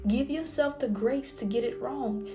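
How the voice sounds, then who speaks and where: Podcast host, woman in her twenties, impassioned preaching that swings between whispers and outbursts; slightly high voice, guitar bed behind. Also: measured pace. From Texas. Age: 20s. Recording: music playing underneath.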